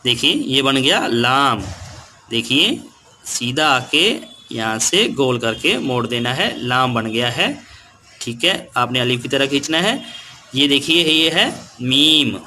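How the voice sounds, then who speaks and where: A man teaching an Urdu lesson to young children, speaking slowly and patiently and repeating each word. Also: mid-range voice, lively intonation, bright, forceful tone, slight background noise. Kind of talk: slow classroom lesson.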